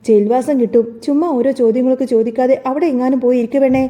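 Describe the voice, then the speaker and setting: A woman's voice: high-pitched, fairly even intonation, very fast, dark tone, close to an everyday voice. A woman voicing a dismissive male police constable in a storybook narration, speaking offhand and mocking.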